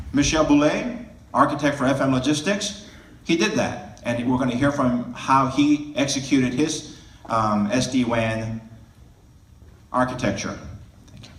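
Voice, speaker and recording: A middle-aged man hosting a conference session, speaking emphatically and checking in with the audience. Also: mid-range voice. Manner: energetic, emphatic, talks to audience with "right?". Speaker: conference host introducing a speaker. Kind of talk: conference keynote talk. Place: large conference hall. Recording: echoey hall with faint room noise.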